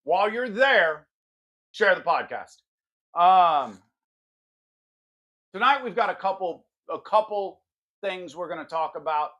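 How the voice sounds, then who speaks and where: A man with a slightly high voice hosts a political podcast. He delivers his commentary emphatically, with a combative edge. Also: expressive, slow, long pauses, bright, forceful tone. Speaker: podcast host.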